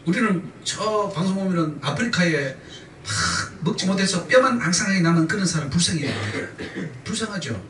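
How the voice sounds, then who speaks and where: His voice sits high and fairly bright, expressive at a moderate pace, as this male pastor delivers a sermon with emphatic repetition and call-and-response from the congregation. A distant mic gives the echoey church sound, with slight background noise.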